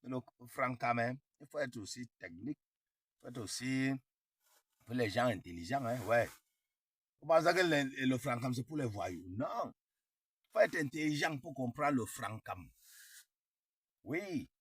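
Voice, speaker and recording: A young man in casual chat who repeats his points and drops English words into his French. His voice is husky, and it sounds dry and close, with no room echo. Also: medium pitch, expressive, a little slow, pauses often, fairly bright tone. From Cameroon. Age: young adult.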